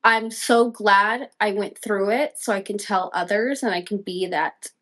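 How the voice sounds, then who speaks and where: Animated young woman telling her story. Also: unhurried. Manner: animated, acts out her own quotes with big pitch jumps. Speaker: podcast guest. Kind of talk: emotional personal storytelling.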